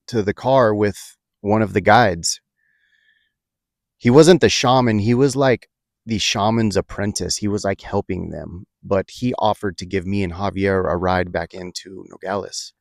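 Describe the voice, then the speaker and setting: A man recounts a personal experience in a low voice, pausing often and restarting his sentences. The sound is dry and close, with no room around it. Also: gravelly, dry recording. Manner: reflective, halting, many fillers and restarts. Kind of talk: personal storytelling.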